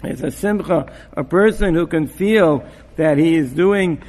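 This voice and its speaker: A man giving an informal Torah talk to students, halting with many restarts and repeated words, and peppering his speech with Hebrew and Yiddish terms. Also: fairly high pitch, darkish tone, in a large hall. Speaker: rabbi giving a mussar talk.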